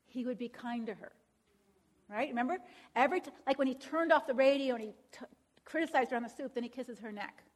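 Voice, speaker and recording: High-voiced woman giving a counseling lecture. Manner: frequent tag questions and check-ins. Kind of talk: conversational lecture.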